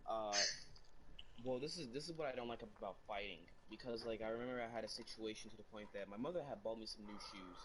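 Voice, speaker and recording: A teenage boy in casual chat telling an animated, profane story. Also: lowish voice, fast, very noisy.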